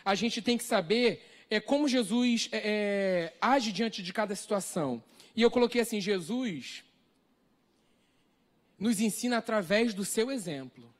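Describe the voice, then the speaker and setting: High-voiced earnest Brazilian preacher man. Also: measured pace. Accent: Brazilian Portuguese. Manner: earnest, repeats rhetorical questions. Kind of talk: sermon. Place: church hall, live stream.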